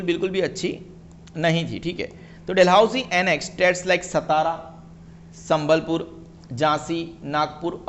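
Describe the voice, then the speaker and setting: A male teacher giving a classroom lecture, explaining each term slowly and quizzing students to check they follow. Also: a little high, lo-fi sound, slight background noise. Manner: explains terms slowly, checks understanding with questions. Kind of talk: classroom lecture mixing Hindi and English.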